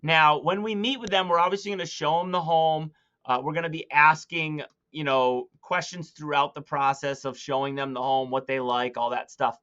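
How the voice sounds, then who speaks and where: Bright, fairly high-voiced male coach. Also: fairly even intonation, moderate pace, clear, resonant tone, lo-fi sound. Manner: loose and conversational, with many fillers; acts out phone calls in brighter, higher voices. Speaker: real estate coach. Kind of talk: casual coaching talk to camera.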